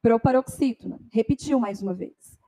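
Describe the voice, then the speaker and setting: A woman teaching a grammar lesson for exam preparation, explaining step by step and often checking in with a quick "tá?". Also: on the high side, creaky, mellow, poor audio. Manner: explanatory, frequent "tá?" tag questions.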